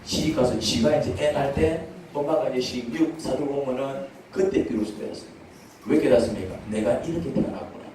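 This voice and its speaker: A man's voice: medium pitch, fairly quick, darkish tone, heavy reverb, recorded from a distance, slight background noise, rough recording. A male pastor preaching a sermon in a church, speaking conversationally and asking the congregation many questions. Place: church sanctuary.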